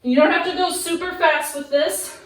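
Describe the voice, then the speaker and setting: A woman's voice: extremely high pitch, fairly even intonation, moderate pace, fairly bright tone. A woman leading a workout class in fitness influencer style, giving instructional, encouraging cues and counts. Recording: echoey room, distant microphone.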